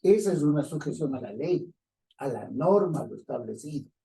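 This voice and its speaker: A man with an Ecuadorian accent adds his thoughts to a Bible study, explaining in a measured way and pausing to search for words. His voice sits a little high with a very dark, mellow tone. He is heard from a distance, well away from the microphone. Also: expressive, vocal fry. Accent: Ecuadorian Spanish. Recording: distant voice off the mic.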